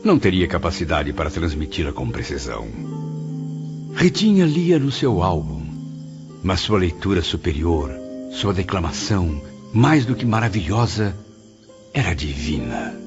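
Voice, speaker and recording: A man with a low, sing-song, exaggerated voice speaks unhurriedly in character as a remorseful spirit writer, narrating an audio novel. His recounting is solemn, literary, and declamatory, with an awed, reverent mood, and the audio is dull and muffled under music.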